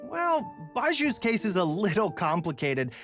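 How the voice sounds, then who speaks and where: A man's voice: high-pitched, wildly swooping pitch, normal speed, fairly bright tone. A man presenting a program in a scripted but playful, bantering style. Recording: music behind the voice.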